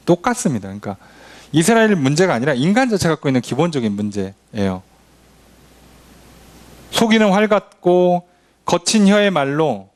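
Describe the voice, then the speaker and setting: A man, a pastor, teaching a midweek Bible study in a conversational way, often asking the congregation questions and acting out quoted lines. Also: a little high. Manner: frequent affirming fillers and questions to the congregation.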